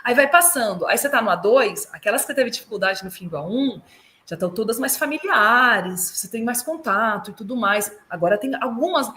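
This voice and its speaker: A Brazilian woman consultant and German teacher giving lively, explanatory advice over a video call, sounding out German words to show how they are said. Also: fairly high pitch, brisk. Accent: Brazilian Portuguese.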